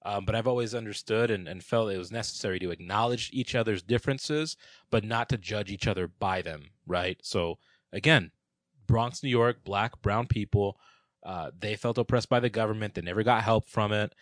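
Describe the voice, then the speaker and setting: A man's voice: lowish voice, normal speed, dry recording. A man in casual chat, talking earnestly and thoughtfully, explaining his views.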